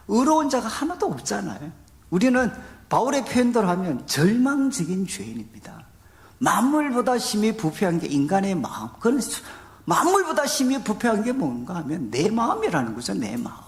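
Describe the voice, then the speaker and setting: A man's voice: sits high, gravelly. A middle-aged man, a pastor preaching a sermon in a conversational way, asking his congregation rhetorical questions.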